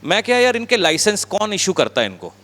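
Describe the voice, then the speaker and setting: A man preaching a sermon as a pastor, talking conversationally and dropping his voice low to stress a point. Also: sing-song, fairly quick, fairly bright tone, big-room sound. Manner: conversational preaching, acts out quotes, drops low for emphasis. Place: church hall.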